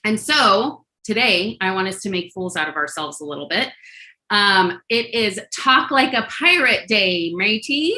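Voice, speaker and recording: A woman's voice: medium pitch, expressive, a little slow, sharp tone, poor audio. A woman hosting a group coaching call online, chatty and encouraging, with lots of fillers and restarts. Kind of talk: casual coaching talk to a group.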